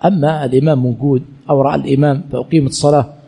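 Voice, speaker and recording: A man's voice: medium pitch, steady tone, very fast, vocal fry, mellow, slightly rough. A man teaching as a sheikh, reading out questions and answering them in a colloquial style with frequent repetition. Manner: reads each question aloud, then answers with repeated phrases; colloquial, self-correcting delivery. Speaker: sheikh teaching Islamic jurisprudence. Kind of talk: answering listeners' questions in a religious lesson.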